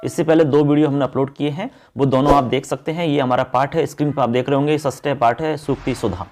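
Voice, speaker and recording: A male teacher giving an exam-focused lesson, calling his viewers friends and children and chanting verses slowly. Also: medium pitch, fairly even intonation, noisy background.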